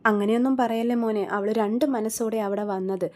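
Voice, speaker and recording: A woman voicing an older mother-in-law who pleads gently with her son-in-law. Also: fairly high pitch, fairly even intonation, brisk, lightly acted. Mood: pleading. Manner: pleading, soothing.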